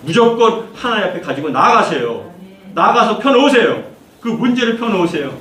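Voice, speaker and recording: A man's voice: sits high, very animated, fairly quick, a bit bright. A male pastor preaching a fervent sermon, repeating key phrases and leading the congregation through scripture readings. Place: church sanctuary. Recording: echoey church hall, distant mic, faint noise.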